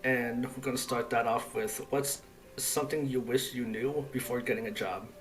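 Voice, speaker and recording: A man hosting a podcast in a relaxed, casual way, often stumbling over his words, over a video call. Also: medium pitch, normal speed, soft background music, low-quality recording. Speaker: podcast host.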